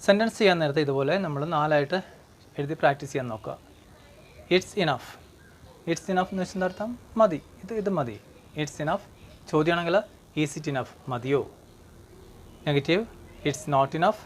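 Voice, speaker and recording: A teacher walks through English grammar, saying each example sentence slowly and filling pauses with okay and hmm. The voice sits at an ordinary middle pitch. A faint background hiss runs under the lesson.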